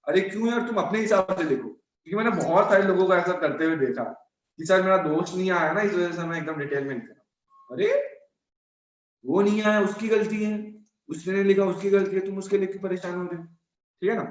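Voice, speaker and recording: A man's voice: sits high, a little fast. A male chemistry teacher lecturing students in a chatty, scolding way, repeating his points. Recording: echoey room, dull sound.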